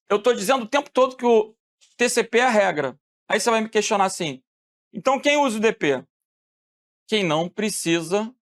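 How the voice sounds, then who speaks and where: A man from Rio de teaching a lively classroom lecture, asking the students questions and answering them himself. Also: sits high. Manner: animated, asks questions and answers them, acts out phone calls.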